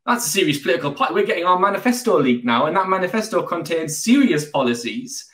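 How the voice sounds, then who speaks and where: A man's voice: sits high, very animated, fast, fairly bright tone. A man in his thirties, a party founder interviewed over a video call, talking earnestly and rambling with many fillers. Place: small room indoors. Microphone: headphones on a video call.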